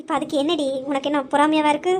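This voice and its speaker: A woman voicing a kind middle-aged mother-in-law who speaks softly and reassuringly. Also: high voice, fairly even intonation, rapid-fire, slight background noise, pitched below the performer's own voice, close to an everyday voice. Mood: gentle. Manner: gentle, soft, reassuring.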